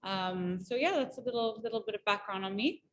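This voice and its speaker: A woman's voice: mid-range voice, fairly quick. Upbeat chatty woman from Malawi. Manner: chatty, upbeat, many fillers and restarts. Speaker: entrepreneur guest. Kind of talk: casual conversational interview.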